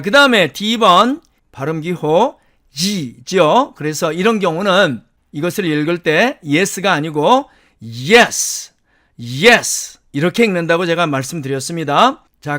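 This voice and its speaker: A man with a Korean accent, lecturing on English pronunciation and repeating each example word slowly. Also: high voice, a bit bright. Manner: explains step by step, repeats example words in English. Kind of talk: recorded lecture.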